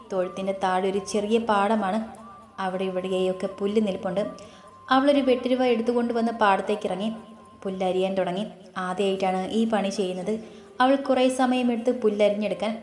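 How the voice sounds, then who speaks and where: A woman narrates a romance audio story, reading steadily and without hurry. Her voice sits at a middle pitch. It carries a roomy echo from the room. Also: a little mellow.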